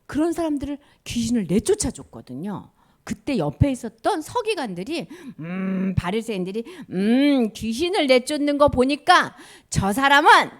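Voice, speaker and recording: Lively high-voiced woman telling Bible stories. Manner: animated, asks the children questions. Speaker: children's sermon storyteller. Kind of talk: children's Bible storytelling.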